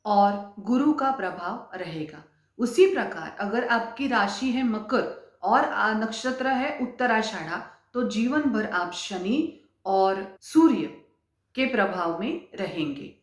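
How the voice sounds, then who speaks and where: Woman astrologer, steady explainer, mid-pitched voice, echoey room. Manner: measured, repeats key terms for clarity.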